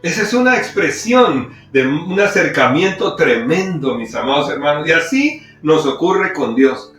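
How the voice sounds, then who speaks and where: A Colombian man preaching a sermon as pastor, his voice swinging between loud high bursts and quiet low stretches. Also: expressive, a little slow, very echoey, recorded from a distance, soft background music. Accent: Colombian Spanish. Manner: preaching with sudden rises and drops in pitch and loudness. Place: church.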